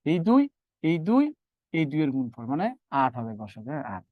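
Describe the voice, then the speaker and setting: A man's voice: a little high, sing-song, brisk, no room sound, muffled recording. A man teaching math in a live online lecture, repeating steps and quizzing his students as he works through sums.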